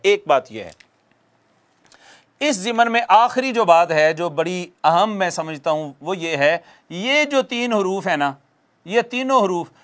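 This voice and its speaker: A man teaching Quran recitation in a recorded lecture, asking himself questions and answering them, repeating letter sounds slowly to demonstrate them. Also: sits high, a bit bright. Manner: drills by repeating and answering his own questions.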